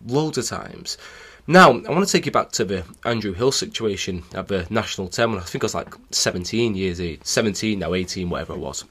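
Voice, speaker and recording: A man's voice: on the low side, brisk, breathy edge. A man, a cycling coach telling stories animatedly on a solo podcast. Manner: animated storytelling, acting out remembered exchanges.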